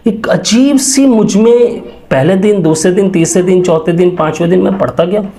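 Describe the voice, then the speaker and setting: A man's voice: fairly high pitch, warm tone. A man in his thirties telling his own life story in an earnest, rambling way, full of restarts and quoted thoughts to himself. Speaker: speaker sharing a personal story. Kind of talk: casual personal testimony.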